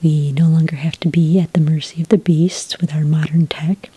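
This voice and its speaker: Playing a kindly clerk who signs up werewolf hunters, an ASMR roleplayer whispers her explanations in a low, breathy voice, patient and gentle as good customer service. The delivery stays flat and the recording is dry.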